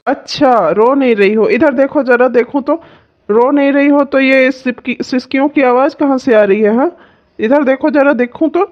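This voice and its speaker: A performer doing a soothing cartoon husband, high and dull. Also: normal speed, natural voice. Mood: coaxing. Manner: gentle, coaxing, reassuring. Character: kind, soothing young husband. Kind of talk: cartoon voice acting.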